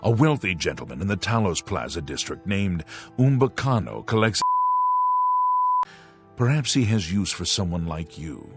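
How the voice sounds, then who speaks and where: A man's voice: sits low, big pitch swings, normal speed, pauses often, over music. A man voicing a plain-spoken townsman in a fantasy role-playing game, in scripted dialogue. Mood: matter-of-fact.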